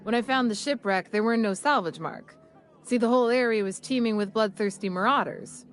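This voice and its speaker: A woman's voice: a little high, a little fast, soft background music, lightly acted. An actress playing a stubborn, sarcastic woman salvager in a video game, defiant.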